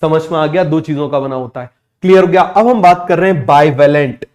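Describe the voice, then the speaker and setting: A man teaching biology in a fast exam-prep lecture, firing quick questions at students and repeating key terms slowly, mixing with terms. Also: a little high, a little mellow. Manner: rapid, drilling questions, repeats answers slowly.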